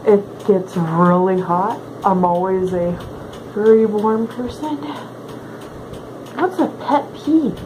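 A woman's voice: medium pitch, slow. A woman in a costume head answering fan questions in a playful, sassy manner, her voice muffled by the mask. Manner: playful, sassy, in character as a winged canine creature. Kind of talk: casual chat. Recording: noisy background hiss.

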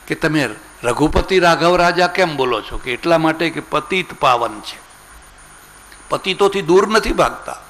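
Older male swami, Gujarati accent, storytelling sermon, bright forceful tone, slightly high. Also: rough recording. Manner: storytelling, acts out dialogue, sings refrains slowly. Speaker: swami giving a spiritual discourse.

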